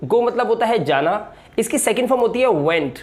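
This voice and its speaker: A man's voice: extremely high pitch, lively intonation, moderate pace. Man drilling verb forms, repetitive. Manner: repeats words, checks in with "right". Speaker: English teacher. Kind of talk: classroom grammar lesson.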